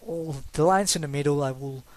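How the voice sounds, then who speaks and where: Brisk and a little mellow, with a voice on the high side, a young Mexican hobby artist discusses his drawings in Mexican Spanish-accented English. He comes across as casual but hesitant, restarting and using fillers a lot, and a bit self-conscious, with some light laughter.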